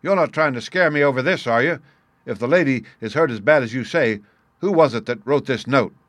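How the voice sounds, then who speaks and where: A man's voice: on the low side, normal speed, fairly bright tone, no room sound, close to an everyday voice. A man voicing a proud, swaggering American criminal in an audiobook, blunt and defiant in his speech. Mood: suspicious, agitated. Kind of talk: audiobook character dialogue.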